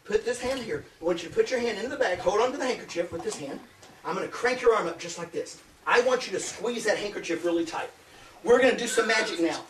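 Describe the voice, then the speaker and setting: At an indoor birthday party, a magician entertains children with playful, teasing patter, often laughing between lines. His medium-pitched voice is lively and fast, caught on a distant mic in a roomy home video filmed from afar, with a loud chattering crowd and noise behind.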